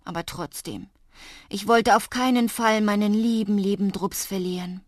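A woman narrating a children's storybook in a warm, intimate way, close to the mic. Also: mid-range voice, normal speed, no echo. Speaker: audiobook narrator.

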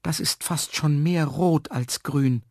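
A man voicing a small, cheerful man in a storybook reading, high and eager. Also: slow pace, vocal fry, a little mellow, dry recording, clean studio sound, full character voice. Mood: excited.

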